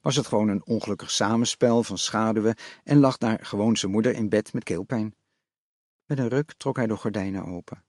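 A male audiobook narrator with a measured, even storytelling delivery. His voice sits in a middle register with a gravelly grain. The recording is dry and close, with no room sound. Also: mid-range voice, no echo.

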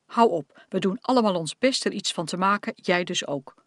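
A reader plays a middle-aged father at the end of his patience, pressing and stern. His voice is mid-pitched and sits right up close, with a dry studio feel. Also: fairly even intonation, fast talker, no echo, lightly acted. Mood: stern scolding. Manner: insistent, scolding. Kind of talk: audiobook reading.

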